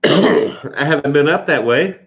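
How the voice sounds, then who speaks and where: A man's voice: a little high, lively intonation, measured pace, dull audio. A middle-aged man from Kentucky with a Kentucky accent, hosting a casual live stream and rambling easily through viewer comments. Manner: rambling, chuckling, answers chat comments.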